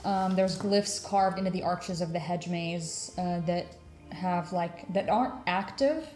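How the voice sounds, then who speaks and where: A woman's voice: on the low side, a little mellow, soft background music. Woman dungeon master, easygoing filler-heavy narration, echoey room. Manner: unhurried, many "um" and "like" fillers. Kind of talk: narrating a tabletop game.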